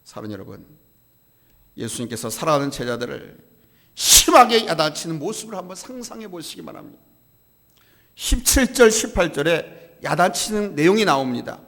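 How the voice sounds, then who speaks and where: A middle-aged man preaching a sermon as pastor, emphatic, with sharp swings from hushed asides to loud, stressed phrases. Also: on the high side, big pitch swings, normal speed, creaky, long reverb tail. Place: church sanctuary.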